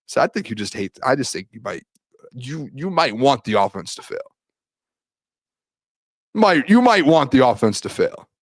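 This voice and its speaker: A young sports-show host, very animated, with a mid-range voice, moves at a moderate pace with long pauses, in a studio-quality recording without echo. He streams solo, rambling through a practice recap, restarting a lot, and reading viewer questions aloud. He clears his throat as he loses his voice.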